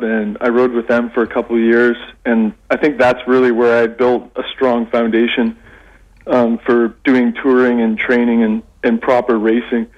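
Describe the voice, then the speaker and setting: A Canadian man, middle-aged, talking as a phoned-in radio guest, halting with many restarts and fillers. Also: medium pitch, muffled recording. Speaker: radio guest, English lecturer.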